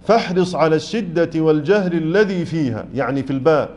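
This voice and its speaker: A man with an Egyptian Arabic accent teaching Quran recitation, correcting pronunciation and demonstrating sounds by repeating words slowly, syllable by syllable, in a mosque study circle. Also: a little high, darkish tone. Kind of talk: tajweed lesson explaining a poem. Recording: dull lo-fi recording.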